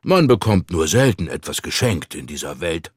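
A man playing a kindly, calm older antique dealer in an audiobook reading. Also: sits low, normal speed, husky, dry recording, heavily acted. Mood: gentle.

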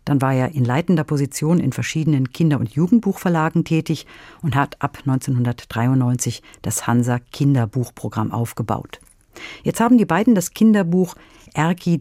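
A male radio presenter introducing an audiobook in a measured, announcing manner. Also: mid-range voice, warm tone, no echo, studio quality.

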